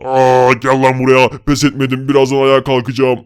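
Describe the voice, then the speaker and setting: A man voicing a huge, hot-tempered male Hulk brute in a game role-play, talking in a gruff, threatening, bullying way. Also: medium pitch, monotone, fairly quick, voice pushed down, close to an everyday voice. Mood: angry, threatening.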